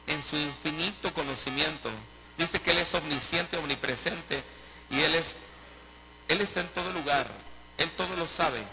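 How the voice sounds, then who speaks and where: A man's voice: on the high side, low-quality recording. A man preaching a sermon as pastor, emphatic and full of rhetorical questions. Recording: preaching over loud music. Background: loud music.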